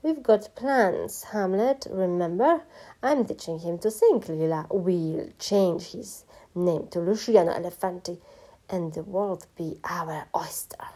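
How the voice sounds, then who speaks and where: A woman's voice: lowish voice, a little slow, warm tone. A woman voicing a cheeky, scheming young boy servant who talks breezily. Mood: eager. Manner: breezy, cheeky, innocent-sounding.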